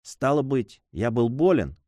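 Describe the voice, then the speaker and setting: Feverish sea captain, grieving nobleman, weak broken speech, lively swinging pitch, dry close sound, read by a man. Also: a little slow, no echo.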